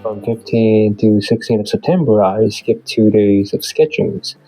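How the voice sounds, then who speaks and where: On a low-quality recording with faint music behind him, a man narrates a scripted weekly progress update for his own channel. He's a beginner artist, his lowish, mellow voice still off from a recovering flu, and he reads it unhurriedly, plainly and earnestly.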